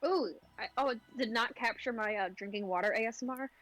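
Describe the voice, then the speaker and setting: A woman's voice: fairly high pitch, quick pace, low-quality recording. A woman chatting casually and giggling while playing through a video game story. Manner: giggly, animated. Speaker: let's play co-host. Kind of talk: casual gaming chat.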